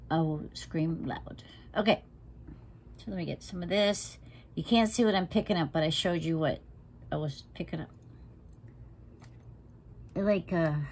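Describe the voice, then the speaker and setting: This makeup vlogger, a woman in her 60s, speaks in a lowish, darkish voice while making herself up in her living room. Sitting near the camera, she chats casually, frankly, and feistily, at times down to a half-whisper, and there's slight background noise.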